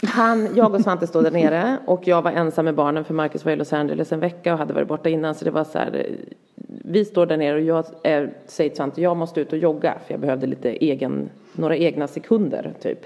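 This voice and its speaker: A woman in her forties, chatting casually as a podcast co-host and telling a lively story with casual swearing. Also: low-pitched, creaky. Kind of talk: casual chat.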